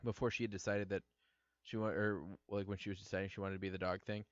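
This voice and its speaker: Very deep-voiced rambling podcast host. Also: male voice, little pitch movement, quick pace, dry recording. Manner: rambling, many fillers and restarts. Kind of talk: casual chat, retelling a movie. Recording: dull lo-fi podcast audio.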